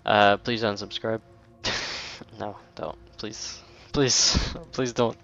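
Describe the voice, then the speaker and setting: A man's voice: lowish voice, steady tone, slow pace, vocal fry, a bit bright, dull audio. A man giving casual, rambling commentary over a video game, swearing often and mocking himself. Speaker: let's play gamer.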